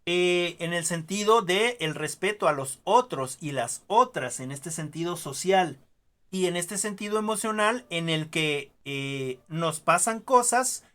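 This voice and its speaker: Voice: medium pitch, expressive, a little slow, fairly bright tone. A teacher gives an online class, explaining through stories and examples, with many filler sounds and questioning tags.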